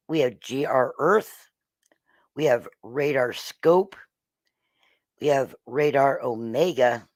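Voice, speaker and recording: A slightly hoarse host casually explaining weather radar on a livestream, halting with frequent ums and throat clearing. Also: medium pitch, no echo.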